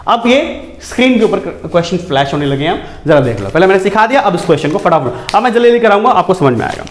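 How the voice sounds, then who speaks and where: A man teaching a chemistry lesson, brisk and coaxing, often asking his students questions. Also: sits high, sing-song, echoey room. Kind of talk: classroom lecture to students.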